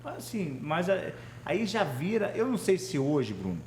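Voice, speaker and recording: A man with a Brazilian Portuguese accent co-hosts a podcast, chatting casually about football, asking lots of questions and using many fillers. His voice is high-pitched and very animated, a little slow, with a darkish tone. The recording comes from an echoey room with faint background noise.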